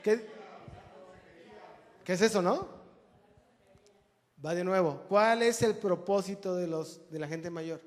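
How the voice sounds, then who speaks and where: A man's voice: high-pitched, slow, pauses often. A man preaching a conversational sermon, joking with the congregation. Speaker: pastor. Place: church hall. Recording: long church reverb.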